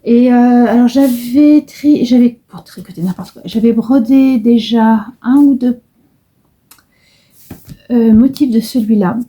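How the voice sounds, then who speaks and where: Soft-toned rambling woman vlogger. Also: on the high side, a little slow, slightly rough. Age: middle-aged. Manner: rambling, hesitant, many fillers and restarts. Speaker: embroidery vlogger. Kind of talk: casual vlog chat.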